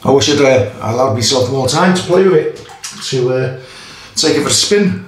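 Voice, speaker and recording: A Geordie man in his fifties from the Newcastle area chats easily while shaving for his vlog, expressive and stop-start with pauses between phrases, his voice middle-pitched. The camera sits in front of his face in a small tiled bathroom, giving an echoey sound with faint noise.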